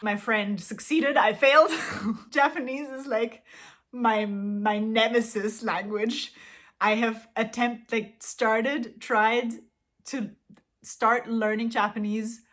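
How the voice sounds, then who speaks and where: Giggly and self-deprecating, this language-learning vlogger from Austria, a native Austrian German speaker, chats casually to the camera with plenty of fillers. Her voice is fairly high and a bit bright, slow-paced, with fairly even intonation.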